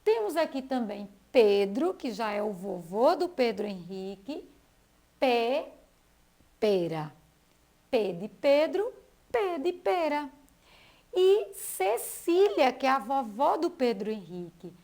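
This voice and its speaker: Brazilian woman teacher, kids' TV lesson, slow pace, lively pitch, slightly gravelly voice. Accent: Brazilian Portuguese. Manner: slow, lively, stretches out names and syllables. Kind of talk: school TV lesson for young children.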